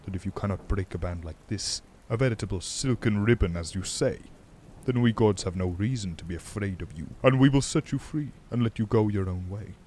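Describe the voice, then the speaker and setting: A man voicing a commanding, cunning older male chief god in a stern, measured way. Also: fairly low pitch, a little mellow, slight background noise, close to an everyday voice.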